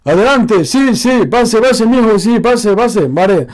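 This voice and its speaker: A man putting on an Ecuadorian Spanish accent to play a loud, cheery man welcoming guests and calling everyone mijo. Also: sits high, animated, unhurried, voice pushed up. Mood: boisterous welcome. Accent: Ecuadorian Spanish, as imitated. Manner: shouting, calls everyone mijo.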